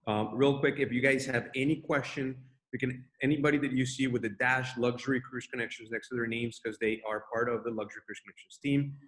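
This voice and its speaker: A man of middle pitch hosts a live online question session, greeting the guest and walking through the schedule. He talks loosely and restarts his sentences often over a video call. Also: fairly even intonation, a little fast, few pauses, fairly bright tone. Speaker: webinar host. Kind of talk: hosting an online Q&A.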